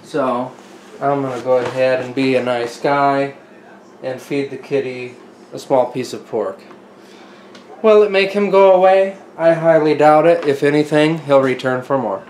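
A slightly mellow, medium-pitched male voice moves a little slowly as he explains his meal prep step by step from the stove at home. It's a casual narration recorded in an echoey room, where the sizzle of the pan and his stirring are plainly audible.

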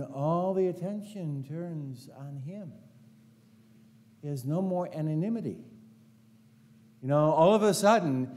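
In a large carpeted church, an older man who is a priest preaches a conversational homily, his voice fairly high and a little mellow. A lapel mic picks him up as he walks in front of the altar, telling stories, frequently saying "you know" and laughing readily.

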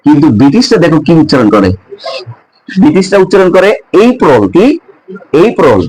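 A man teaching a class, asking his students questions and repeating each word slowly. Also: fairly high pitch, sing-song, a little mellow, rough recording. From Bangladesh. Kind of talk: spoken English pronunciation lesson to students.

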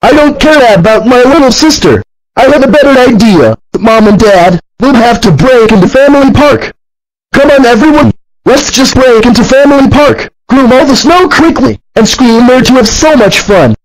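A text-to-speech voice doing a spoiled little boy in a cartoon, very high and squeaky, demanding and whiny, stubborn to the core. It has a flat synthetic sound and a pushy, insistent way of talking. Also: normal speed, poor audio. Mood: defiant. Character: bratty defiant young boy. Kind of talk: synthetic voice in an animated comedy.

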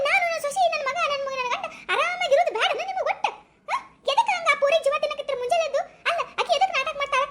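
A woman playing a protective village mother-in-law with a North Karnataka accent, her voice very high and her arguing rushed. She talks back in quick, insistent bursts over a faint hiss. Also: fairly bright tone. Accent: North Karnataka Kannada. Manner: argumentative, rapid rural chatter. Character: middle-aged mother-in-law defending her daughter-in-law. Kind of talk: comic village sketch.

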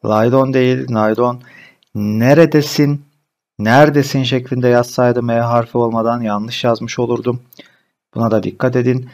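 A man teaching a spelling lesson, briskly correcting common misspellings word by word. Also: mid-range voice, steady tone, darkish tone. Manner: addresses students as friends, brisk corrective explanations.

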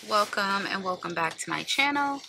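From the passenger seat of a car, a vlogger in her thirties chats to camera, correcting herself often, with the camera held at arm's length. She speaks at a moderate pace in an expressive, gravelly, mid-range voice. Background noise is audible.

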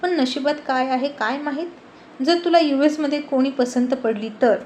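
A woman's voice: high voice, moderate pace, darkish tone, slight background noise, lightly acted. A woman voicing a coy young sweetheart who teases and plays hard to get. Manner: playfully sulky, coy.

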